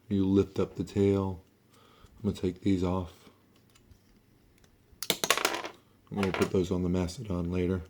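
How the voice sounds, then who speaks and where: A man who sounds under the weather, giving a casual, halting, offhand hands-on toy review and talking through each step. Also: deep voice, dark tone. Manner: offhand, halting, mildly sweary.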